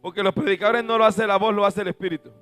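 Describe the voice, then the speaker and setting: A man preaching a sermon and telling stories from the pulpit, swinging from booming shouts to soft asides. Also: steady tone, quick pace, faint music behind. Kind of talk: sermon with storytelling.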